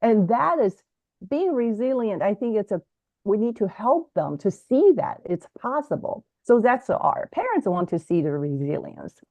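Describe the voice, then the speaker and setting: Chinese is the native language of this woman, who has a medium-pitched voice and talks at a normal speed with no room sound. Appearing as a guest language educator on a video call, she gives animated, teacherly explanations in an interview, frequently restarting phrases to correct herself. The lo-fi recording sounds dry and a little dull.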